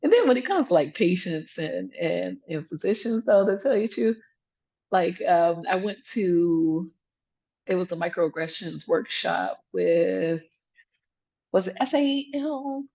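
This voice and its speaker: A woman presents a relaxed workshop over a video call, talking chattily and restarting her sentences often. Her voice has a gravelly, husky grain, and the audio sounds dull and lo-fi. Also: on the low side, a little slow. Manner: chatty, lots of fillers and restarts. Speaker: workshop presenter, emergency physician. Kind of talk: laid-back workshop talk.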